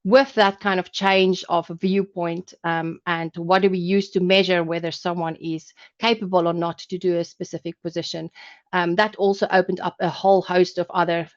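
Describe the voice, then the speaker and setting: South african born woman giving a work webinar, lowish voice, muffled call sound. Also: little pitch movement, moderate pace. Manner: explanatory, loosely phrased. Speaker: webinar presenter. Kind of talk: business webinar presentation. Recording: dull lo-fi call audio.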